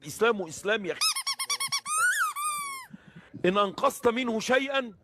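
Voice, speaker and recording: A man's voice: high voice, expressive, fairly quick, pitched above the performer's own voice. A man voicing a stern, preachy male sheikh who lectures and scolds. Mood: scolding. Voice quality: sermonizing, scolding. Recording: loud noise, distant mic.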